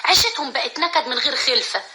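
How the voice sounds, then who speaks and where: A woman's voice: high voice, animated, quick pace, bright, forceful tone. An actress playing a cheeky, outspoken young woman with an Egyptian accent. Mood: teasing. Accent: Egyptian Arabic.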